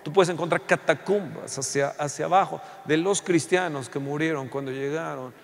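A man preaching a passionate sermon, swinging between loud outbursts and hushed storytelling. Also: fairly high pitch, moderate pace, gravelly, big-room sound.

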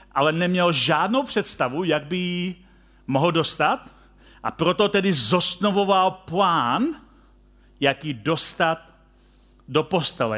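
A male preacher with a rather high voice tells a story in sermon form. He turns to his listeners with direct questions and often restarts or repeats his phrases as he goes. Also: fairly bright tone.

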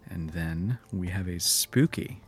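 A man co-hosting a comedy podcast, chatting casually and reading out his jokes in a deadpan way. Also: deep voice, slow pace, faint music behind. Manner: joking, reads tweets in a deadpan whisper. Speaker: podcast co-host.

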